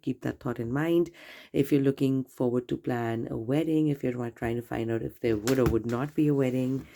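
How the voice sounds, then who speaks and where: A woman giving a tarot reading straight to the viewer, gentle and reassuring, her voice nasal from a cold and congestion. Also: very deep voice, vocal fry. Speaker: tarot reader. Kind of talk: casual tarot reading to camera.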